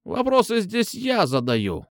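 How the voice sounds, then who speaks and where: A man reading an audiobook, voicing an elderly female hitwoman with a rattling, low voice and a crude, commanding manner. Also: big pitch swings, a little slow, no echo, clean studio sound, full character voice. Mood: menacing. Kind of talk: audiobook narration.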